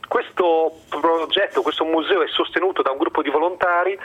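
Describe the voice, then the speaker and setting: A man presenting a conversational segment as a radio contributor, often halting to search for words. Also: fairly high pitch, fairly bright tone, breathy edge, rough recording.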